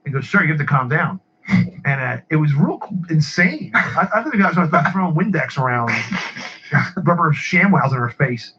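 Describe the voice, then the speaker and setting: A man's voice: on the high side, very animated, moderate pace, sharp tone. A man telling rambling stories in casual chat, repeating his words and laughing at his own tales. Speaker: podcast regular. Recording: muffled lo-fi with faint hiss.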